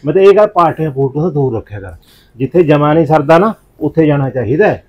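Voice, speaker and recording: Playing the stern father of a college-going daughter, a middle-aged man lectures and grumbles at his wife in a village family drama. His delivery is animated and quick, slightly high with a breathy edge, captured in a somewhat dull lo-fi recording.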